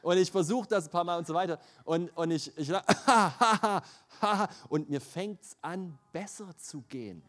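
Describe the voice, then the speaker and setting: A middle-aged male preacher with a slightly raised pitch delivers a lively sermon. He tells personal stories and acts out what people said. He laughs often as he preaches. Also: moderate pace, hardly any pauses. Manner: animated storytelling, laughs often, acts out quotes.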